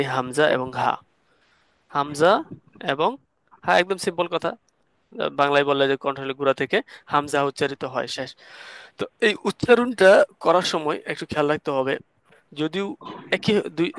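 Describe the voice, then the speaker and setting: A man's voice: on the high side, fairly bright tone, dry recording. A man teaching an online Quran recitation class, explaining patiently step by step and quizzing his students. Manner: asks students questions to check understanding.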